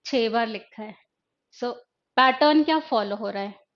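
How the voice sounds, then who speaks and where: A woman teacher with a fairly high voice talks through an exam-prep class at a slow, unhurried pace. She poses questions to her students and answers them herself, moving between Hindi and English. The sound is dull and lo-fi, like a recorded online class. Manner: reads poetry slowly and deliberately.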